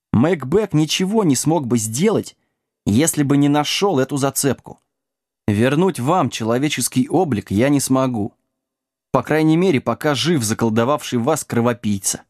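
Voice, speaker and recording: A man's voice: medium pitch, lively intonation, moderate pace, darkish tone, no echo, studio quality, close to an everyday voice. A man voicing a bossy, sarcastic middle-aged male sorcerer in an audiobook. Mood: stern. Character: gruff, mocking male sorcerer of middle age. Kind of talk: audiobook character voice.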